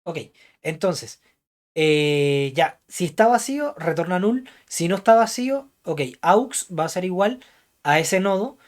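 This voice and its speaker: A man's voice: high-pitched, animated, unhurried. Man lecturing a programming class. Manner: keeps checking understanding with "¿ya?" and "¿entiendes?"; thinks aloud, hedging what he recalls.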